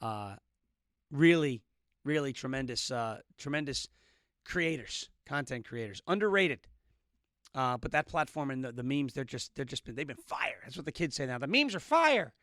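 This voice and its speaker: A man's voice: medium pitch, moderate pace, a bit bright, no room sound, studio quality. A man in his early thirties guest-hosting a political commentary show with a sarcastic, snarky delivery. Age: 30s. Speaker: guest host.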